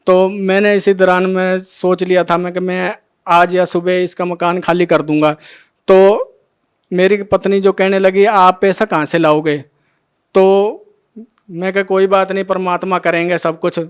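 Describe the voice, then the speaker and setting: A man recounts his own experience as a devotee, telling it earnestly and voicing the conversations as quoted dialogue. His voice sits high and clear, with a smooth, resonant tone. His pitch stays fairly level throughout. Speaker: devotee giving a testimony. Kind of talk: personal testimony storytelling.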